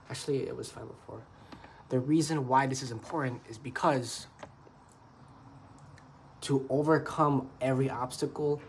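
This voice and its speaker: A man's voice: mid-range voice, a little hiss or hum. A man giving an earnest, repetitive, rambling monologue to camera about beatboxing. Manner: earnest, repetitive, loose improvised phrasing. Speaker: beatbox vlogger.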